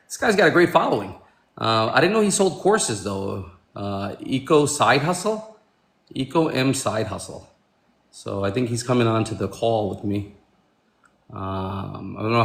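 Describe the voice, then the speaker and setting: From an echoey room at home, a livestream host in his forties, born in Pakistan, chats casually and calls people "bro" and "my man." His voice is medium-pitched, expressive, and creaky, at normal speed.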